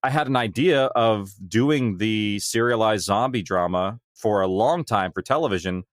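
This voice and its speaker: A man of around thirty to forty-something, an audio drama creator, appears as a podcast guest and explains his creative work through interview conversation and storytelling. His voice sits on the low side at normal speed, recorded in a clean studio with no echo.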